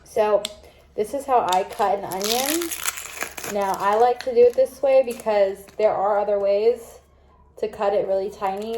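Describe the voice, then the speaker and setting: A woman's voice: mid-range voice, warm tone. A woman vlogger chatting casually while cooking at home, rambling with lots of fillers. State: teary from chopping onions. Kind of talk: casual cooking vlog chat. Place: home kitchen.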